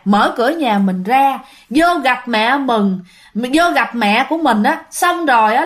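A woman telling a ghost story casually, talking straight to her listeners. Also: fairly high pitch. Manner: chatty, addresses listeners directly.

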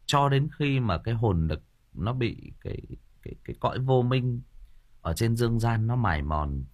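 A man hosting an audiobook livestream in a casual, joking chat, rambling and stumbling over repeated filler words. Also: mid-range voice. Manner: jokey and playful, laughs at his own stories. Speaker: audiobook host chatting with listeners.

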